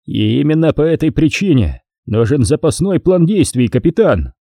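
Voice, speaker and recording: A man voicing a stern, commanding imperial general in a dark, husky voice, reading an audiobook. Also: fairly high pitch, sing-song, normal speed, dry recording, studio quality, pitched above the performer's own voice, heavily acted. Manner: blunt, commanding orders.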